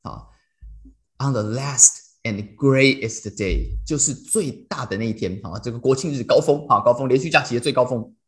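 A man with a Taiwanese Mandarin accent gives a casual devotional talk. His storytelling is playful and animated, and his pitch ranges widely. He slips English phrases in between the Mandarin. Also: normal speed. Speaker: devotional podcast host.

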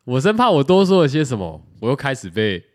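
A man's voice: mid-range voice, very animated, fast, a little mellow. A man with a Taiwanese Mandarin accent, co-hosting a podcast and telling a story in casual chat, laughing often and swearing casually. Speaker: podcast co-host.

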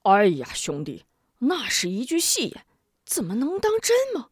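A woman voices a seasoned male bandit who is worn out by his partner. He scolds and sighs through a lively, up-and-down delivery, recorded close and dry. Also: a little high, normal speed, slightly rough, dry recording, exaggerated voice. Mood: exasperated. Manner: weary, exasperated scolding. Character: worldly older male bandit, exasperated.

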